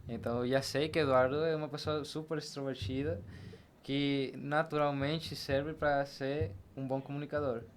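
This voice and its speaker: Talking casually as a podcast guest, this Spanish-speaking barber from Venezuela illustrates his points with examples. He speaks at a moderate pace in a level, mid-range voice, with clear background noise and ambience around him.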